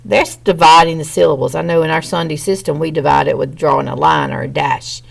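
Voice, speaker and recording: A woman's voice: low-pitched, fairly even intonation, a little fast, vocal fry. A woman teacher, patiently explaining a reading lesson step by step to children.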